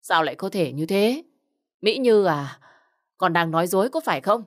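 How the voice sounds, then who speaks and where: A middle-aged stepmother who is shocked and disbelieving, put on by a woman reading an audio story. She speaks quickly and in a flustered way, a little higher than the reader's plain voice. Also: expressive, no echo, studio quality, natural voice.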